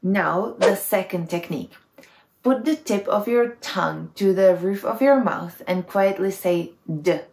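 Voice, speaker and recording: A woman's voice: medium pitch, measured pace, creaky, darkish tone, echoey room, slight background noise. A woman teaching pronunciation to foreigners, patiently demonstrating sounds with repeated syllables. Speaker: Czech language teacher. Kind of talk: pronunciation lesson.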